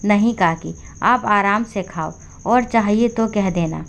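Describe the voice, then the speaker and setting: A woman's voice: medium pitch, unhurried, vocal fry. A woman voicing a kind, helpful young neighbor who speaks in an obliging way in a storybook. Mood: kindly.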